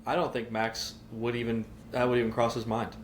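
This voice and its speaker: A man's voice: mid-range voice, flat delivery, a little fast, slight background noise. A man with a Southern US accent, a podcast co-host who argues his points firmly and at length in a casual debate.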